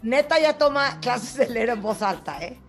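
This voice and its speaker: A woman hosting a radio show, reading humorous verse and bantering briskly with her co-host. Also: fairly high pitch, faint music behind. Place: radio studio.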